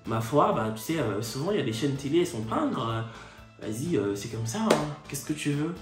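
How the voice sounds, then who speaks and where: A man's voice: on the high side, sing-song, moderate pace, pitched below the performer's own voice. A man voicing a dismissive, nonchalant woman colleague who talks in an offhand, hesitant drawl. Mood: shrugging. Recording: echoey room, faint music.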